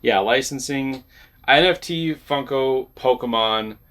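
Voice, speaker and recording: A man's voice: medium pitch, slow pace, fairly bright tone. A man co-hosting a collector video in casual chat, rambling and joking, often trailing off. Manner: rambling, jokey, trails off with "I don't know". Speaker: collector channel co-host.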